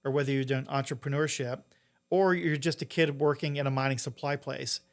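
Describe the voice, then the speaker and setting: A middle-aged man, an entrepreneur and investor appearing as an interview guest, explains things conversationally. His pitch is medium, his tone steady, and his pace fairly quick.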